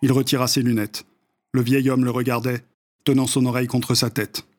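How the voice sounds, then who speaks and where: A male narrator reads a story aloud. His voice sits at an ordinary middle pitch. He keeps a steady, measured reading pace throughout. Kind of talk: audiobook narration.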